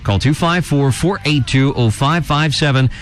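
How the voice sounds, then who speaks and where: A man reading a radio advertisement in a brisk, salesy voice. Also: on the high side, over loud music. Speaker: ad announcer. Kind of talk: radio ad read.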